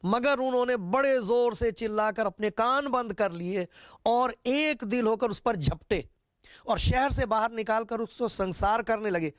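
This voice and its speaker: Guy with a high voice preaching, repeats lines and asks the crowd questions. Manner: retells scripture with repetition and rhetorical questions. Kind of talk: sermon.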